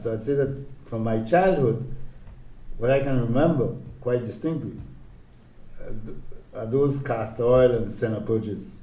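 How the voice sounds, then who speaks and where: An older man from Tobago with a Tobagonian accent, reminiscing in an interview in a calm, gentle, deliberate way. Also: medium pitch. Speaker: interviewee, village elder sharing memories. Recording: roomy, echoing interview recording.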